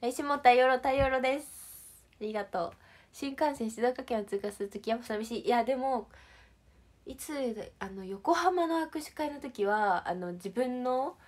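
Her voice is high-pitched and her speed normal as she hosts a casual livestream. The speaker, a young idol host from Shizuoka, Japan, reads comments and chats with viewers, bubbly, playful and full of giggles.

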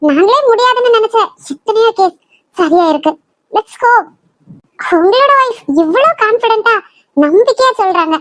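A woman voicing a calm, reassuring doctor in a cartoon drama, speaking in Kanyakumari Tamil. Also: very high-pitched, no echo, low-quality recording. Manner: soothing, steady reassurance.

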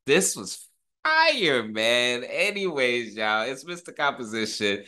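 A rapper and reaction host in his thirties reacts to a music video indoors at home, headphones on and a desk mic close by, the video's pop music audible. His mid-range voice is sing-song, slow, bright and forceful, loaded with slang and short exclamations he keeps repeating.

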